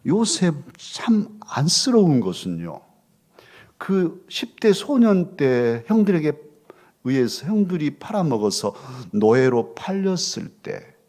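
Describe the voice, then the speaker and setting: Expressive male pastor preaching. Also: mid-range voice. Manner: expressive, swings from loud questions to soft near-whispers. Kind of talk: sermon. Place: church sanctuary.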